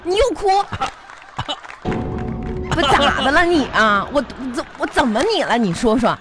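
A woman's voice: sits high, sing-song, unhurried, a loud crowd. A woman in a comedic couple skit, bossing and scolding her partner in a teasing way. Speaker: comedic sketch performer. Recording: music playing underneath.

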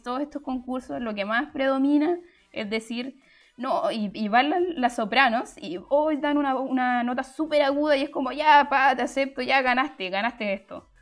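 A young woman hosts a live stream, explaining her points chattily and answering the chat, with frequent fillers and restarts. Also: a little high.

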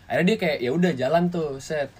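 A young man with a Jakarta slang accent telling an animated story in casual chat, swearing and acting out quotes. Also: fairly high pitch, fast, breathy edge. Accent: Jakarta slang Indonesian. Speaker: podcast co-host telling a story.

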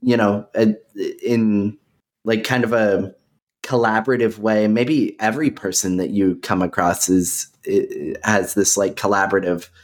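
A man hosting a podcast over a video call, talking in a relaxed, hesitant way with many fillers. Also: lowish voice, a little slow. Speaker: podcast host. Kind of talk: casual conversation.

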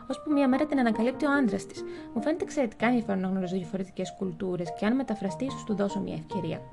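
A woman's voice: medium pitch, creaky. A young adult woman chatting through a list of books, with wry asides and stumbles over foreign titles. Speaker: book vlogger. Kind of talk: casual book review narration. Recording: music playing behind the voice.

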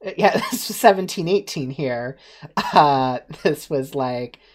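A woman's voice: low-pitched, measured pace. A young woman from Eastern Ontario, telling stories in casual chat, with lots of fillers. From Eastern Ontario, Canada. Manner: chatty, animated storytelling with many fillers.

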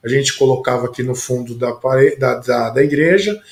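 A man's voice: mid-range voice, normal speed. A man who is a pastor and podcast host, telling folksy anecdotes in a casual conversation. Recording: roomy echoey sound.

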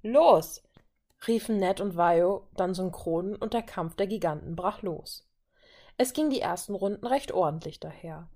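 A woman reading a story aloud in a calm, even way. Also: fairly low pitch, moderate pace. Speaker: reader. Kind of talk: reading fan fiction aloud.

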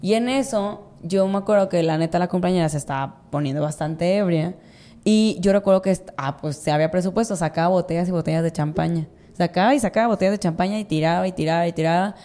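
A woman's voice: on the low side, fast, dark tone. A young woman with a Mexican accent, telling a story in a casual, slangy podcast chat, with lots of repetition. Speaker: podcast co-host.

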